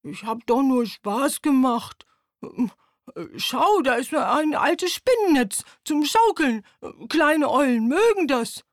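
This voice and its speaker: A woman voicing a grumpy old male stag beetle in a children's storybook, scolding quickly and loudly in a raised voice. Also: high-pitched, expressive, no echo, clean studio sound, voice pushed up, full character voice. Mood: sheepish coaxing. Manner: scolding, rapid and loud.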